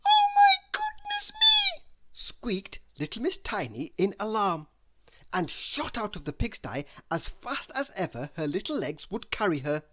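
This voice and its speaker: Reading a children's story aloud, this narrator uses a mid-range voice and a careful, expressive storytelling style, like a storybook reader.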